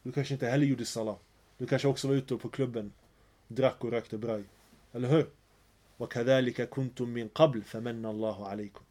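A man's voice: medium pitch, fairly even intonation, dark tone. A man giving an earnest religious lecture, telling stories and mixing in phrases. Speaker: preacher.

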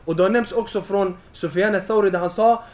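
A young man giving an impassioned Islamic lecture to a young audience, at times rising nearly to a shout. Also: high voice, fairly even intonation, echoey room.

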